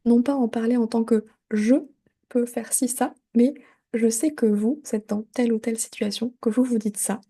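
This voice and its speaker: Middle-aged woman, solo podcast host, chatty and animated, asides and fillers, fairly high, very mellow tone. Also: brisk, slightly rough. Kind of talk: casual solo podcast talk.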